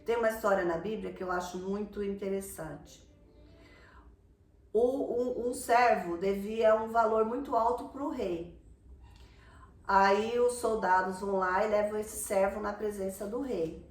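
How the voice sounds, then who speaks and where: A woman with a Brazilian Portuguese accent giving devotional teaching, telling a story in a lively way. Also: mid-range voice, unhurried. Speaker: preacher. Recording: roomy, distant from the mic.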